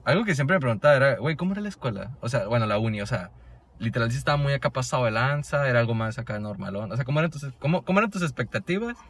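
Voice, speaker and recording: A man's voice: mid-range voice, expressive, racing, husky. A young man with a northern Mexican accent chatting casually in a jokey, slangy way with plenty of swearing. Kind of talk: casual chat, joking.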